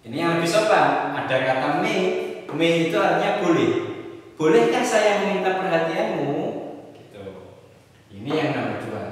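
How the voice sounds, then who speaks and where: A man teaching an English lesson at a whiteboard, mixing Indonesian and English and repeating key phrases slowly with emphasis. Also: a little high. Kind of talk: classroom lesson explaining at a whiteboard. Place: classroom. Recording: echoey room, voice distant from the mic.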